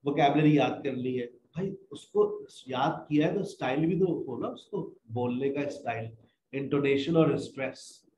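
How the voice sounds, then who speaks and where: A man's voice: mid-range voice, measured pace, a little mellow, slight background noise. A man from Pakistan, teaching spoken English. He explains patiently, slips English phrases into his talk and calls his students "beta". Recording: echoey room.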